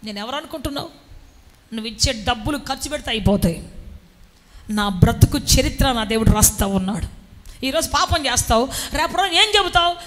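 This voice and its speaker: A woman preaching a sermon, acting out little stories and breaking into shouted exclamations. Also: a little high, expressive, a little fast, long pauses, big-room sound.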